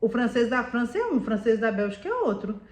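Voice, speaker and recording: A woman's voice: a little high, very animated, fast, a little mellow. Chatty woman in an echoey room. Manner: chatty, addresses viewer as "meu amor", many "né?" tags. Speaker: vlogger living abroad. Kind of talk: casual advice vlog.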